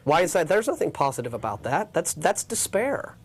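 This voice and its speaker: A man with an American accent and a fairly high voice speaks as a call-in show host. He debates off the cuff, pressing his questions insistently and reasoning things through. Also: very animated, brisk, slightly rough.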